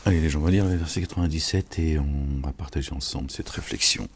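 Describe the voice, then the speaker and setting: An online commentator on religion and politics speaks in a rumbling low, husky voice at a fast clip. He gives an informal, sermon-like reflection on scripture, preaching to his listeners familiarly and checking in with them through frequent questions.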